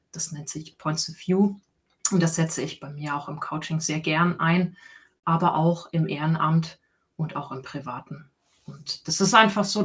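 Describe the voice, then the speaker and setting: Earnest middle-aged German woman coach. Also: low-pitched. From Saxony, Germany. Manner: earnest, explanatory, with soft laughs. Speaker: coach and guest. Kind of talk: interview answers.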